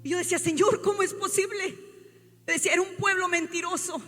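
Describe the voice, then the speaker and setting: A woman pastor delivering an impassioned sermon in a church, often rising to shouts. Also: very high-pitched, fairly even intonation, fast talker, long reverb tail. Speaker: prophet and pastor. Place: church sanctuary.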